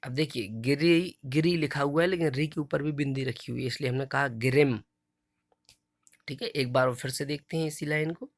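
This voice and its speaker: A man's voice: a little high, fairly even intonation, gravelly, dry recording, studio quality. A man teaching a Sanskrit lesson to children, reciting verses syllable by syllable and explaining patiently. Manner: slow, drawn-out recitation of each syllable.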